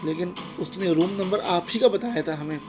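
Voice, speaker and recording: A man narrating a first-person horror story in an anxious, tense retelling, with music playing underneath. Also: high voice.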